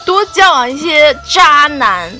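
High, lively woman from northeastern China. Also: measured pace, faint music behind. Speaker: talk show guest. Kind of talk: casual comedic chat.

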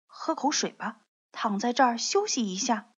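A woman voicing a polite, curious little city mouse that sounds gently pleased. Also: a little high, big pitch swings, moderate pace, breathy edge. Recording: dull lo-fi recording.

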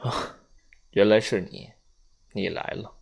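A man reading an audiobook, voicing a calm, resigned older male general who speaks slowly and courteously. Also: lowish voice, gravelly, husky, exaggerated voice. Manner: slow, grave and courteous.

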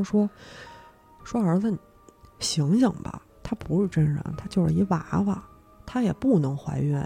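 A young woman narrating a horror story as podcast host, acting out each character's lines with sudden jumps in pitch. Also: vocal fry, husky. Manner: animated telling, acts out the characters' lines with sharp pitch jumps.

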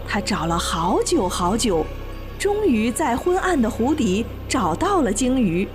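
A woman narrating a children's storybook in an animated, expressive way. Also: on the high side, a little slow. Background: children's music.

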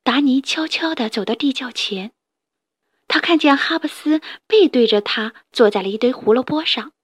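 A woman storyteller reading a children's story aloud in a gentle, expressive way. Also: high voice, moderate pace, breathy edge, no room sound, studio quality. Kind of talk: storybook narration.

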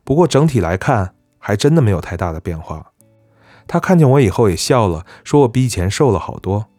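男声低沉温润的故事讲述. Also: male voice, on the low side, a little fast, no room sound, studio quality, soft background music. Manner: calm, conversational storytelling. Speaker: narrator. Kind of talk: scripted story narration.

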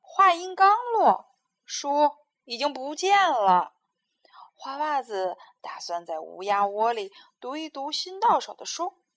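A woman reading a children's story aloud in a gentle, expressive way. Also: sits high, slow pace.

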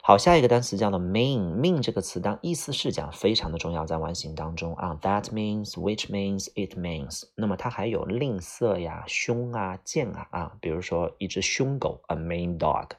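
A man teaches English vocabulary to students, his voice very low and gravelly with a husky edge. He explains each word slowly with example phrases, sprinkling in little filler sounds as he goes. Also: animated. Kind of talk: vocabulary lesson.

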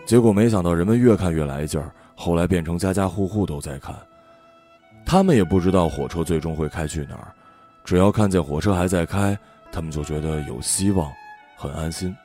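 A man narrating a story in an expressive, gentle storytelling manner. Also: low voice, a little fast. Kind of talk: audiobook narration. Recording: faint background music.

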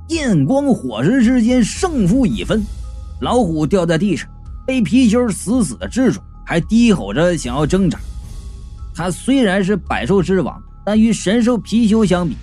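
A storyteller narrating a comic serialized tale in a lively, animated way, acting out each character. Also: mid-range voice, moderate pace, soft background music.

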